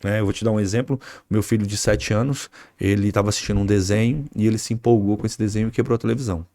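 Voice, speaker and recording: A man with a Brazilian Portuguese accent, guesting on a podcast, tells a family story casually, acting out the dialogue and often using fillers like "né" and "cara". His voice is on the low side and dark, with fairly even intonation and a quick pace, captured as a dry, studio-quality recording.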